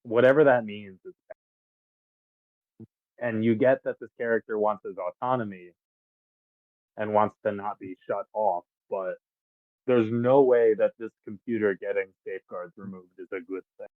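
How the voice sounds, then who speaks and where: On a podcast, a male co-host casually talks through a film, recapping its plot and swearing now and then. His voice sits on the low side, with fairly even intonation and a moderate pace. The dry audio comes through a faulty, tinny, phone-like microphone.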